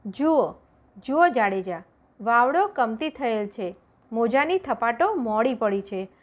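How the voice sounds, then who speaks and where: A woman voicing a serene holy woman from a storybook, urging with gentle firmness. Her fairly high voice rises and falls in a lively way. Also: slow, dull audio. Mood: firm coaxing. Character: calm, devout holy woman, steady guide.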